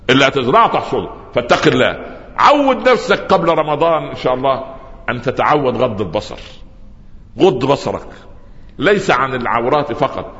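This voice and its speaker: A man's voice: medium pitch, fairly bright tone. A male preacher with an Egyptian accent giving a sermon, moving between colloquial storytelling and formal recitation. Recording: dull, hall reverb.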